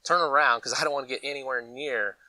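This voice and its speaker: An American man from Colorado, host of a preparedness gear channel, rambles casually in a vlog, telling animated, folksy stories with acted-out asides. His medium-pitched voice moves at a quick pace. The rough recording has no room sound and was captured far from the mic.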